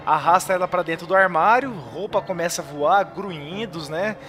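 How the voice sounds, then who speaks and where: High-voiced Brazilian man recapping a film. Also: normal speed, bright, forceful tone. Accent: Brazilian Portuguese. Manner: rambling recap with frequent fillers and chuckles. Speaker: podcast host. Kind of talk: casual podcast film recap.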